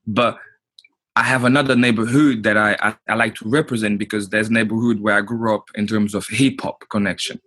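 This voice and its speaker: A man, a guest in a casual interview, halting and restarting often as he talks. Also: fairly low pitch, steady tone, fairly bright tone, no echo. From Portugal. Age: 30s. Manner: halting, restarts often, many "you know, like".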